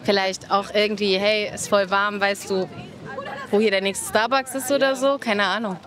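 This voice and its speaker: A young woman answering a street interviewer's mic, frank and thoughtful with some hesitant pauses. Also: mid-range voice, steady tone, a crowd in the background. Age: young adult. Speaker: passer-by interviewee. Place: busy city shopping street outdoors. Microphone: handheld microphone held by interviewer.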